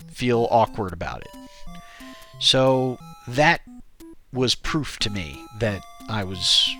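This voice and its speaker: An American man chatting on his stream with a stuffy, nasal voice from a cold. He talks slowly and unhurriedly in a bright, forward tone, drifting between thoughts with fillers and restarts. Faint music plays underneath. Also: mid-range voice. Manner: rambling, with many fillers and restarts. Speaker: streamer and game developer. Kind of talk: casual live-stream chat.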